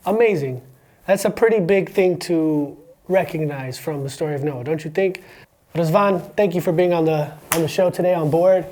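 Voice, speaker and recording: A man from Romania with an American accent hosts a school podcast, putting quiz questions to a student in an upbeat, encouraging, casual interview and slipping in small jokes. His voice is fairly high with a darkish tone, at a moderate pace.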